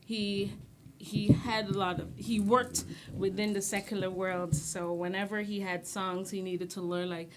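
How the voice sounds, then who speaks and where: A Barbadian woman who is a singer-songwriter, talking as a guest in a radio interview in an animated way and laughing often. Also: mid-range voice, a little slow, background noise. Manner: animated, laughs often, sings short snatches.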